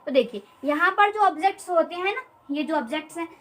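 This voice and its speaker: A woman teaching an English grammar lesson. She explains slowly, repeats key words and keeps asking quick check questions. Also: extremely high pitch, lively intonation, a bit bright, recorded from a distance, poor audio.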